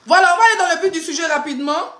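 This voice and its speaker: Woman influencer, high chatty voice, teasing live-stream rant in a roomy space. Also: rapid-fire, pushed and bright. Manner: chatty, laughing, teasing and ranting. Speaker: blogger and influencer. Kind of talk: casual live stream chat. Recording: roomy echo.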